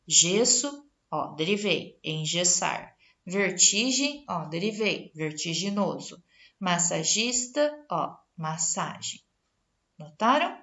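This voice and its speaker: A woman's voice: lowish voice, sing-song, slow, fairly bright tone. A Brazilian woman teacher giving a spelling lesson, reading out word lists and checking in with the class as she goes. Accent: Brazilian Portuguese.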